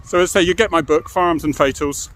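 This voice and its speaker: The recording is rough, and the man's voice sits a little high, sounding a bit bright as he talks quickly. Speaking as a former police officer, this middle-aged British man gives a casual, explanatory monologue, plain-spoken and frank, regularly ending lines with tag questions.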